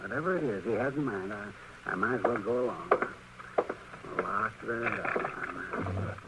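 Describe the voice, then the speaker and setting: An actor playing a testy, stubborn older American frontier doctor, crotchety and blustering, in an old-time radio western. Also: male voice, on the low side, measured pace, natural voice. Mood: resigned muttering. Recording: very noisy old radio recording.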